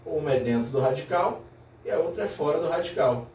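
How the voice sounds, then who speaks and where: A man's voice: fairly high pitch, animated, a little mellow, distant mic, a little hiss or hum. Man teaching grammar in an echoey room. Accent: Brazilian Portuguese. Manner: addresses viewer as "meu aluno", checks in with "tá legal?"; repeats key terms slowly for emphasis. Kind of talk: whiteboard grammar lesson.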